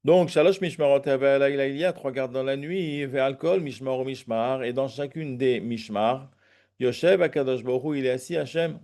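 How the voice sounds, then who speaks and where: Reading the Talmud phrase by phrase, this teacher translates and explains each one, his delivery marked by hesitant fillers and restarts. He speaks at normal speed in a medium-pitched, slightly mellow voice.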